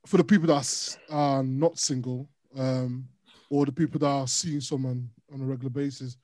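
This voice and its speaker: A man's voice: medium pitch, moderate pace, no echo. A young man co-hosting a podcast, telling stories in casual chat and laughing often. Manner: animated storyteller, laughs often. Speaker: podcast co-host.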